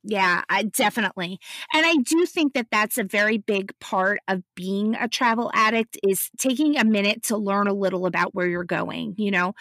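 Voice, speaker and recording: A woman's voice: mid-range voice, a bit bright, no echo. A woman co-hosting a casual travel chat, storytelling and filling her talk with "you know.". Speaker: podcast co-host.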